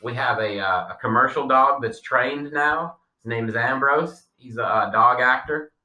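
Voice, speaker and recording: A man with a deep Southern US accent, chatting casually as a podcast co-host. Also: moderate pace, sharp tone. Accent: Southern US drawl. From Long Island, later North Carolina. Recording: roomy echo, distant mic.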